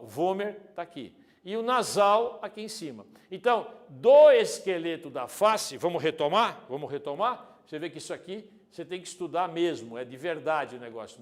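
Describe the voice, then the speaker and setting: Lively high-voiced male teacher. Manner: lively, joking, talks straight to the student, wide swings in loudness. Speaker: exam prep teacher. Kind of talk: recorded video lesson on anatomy.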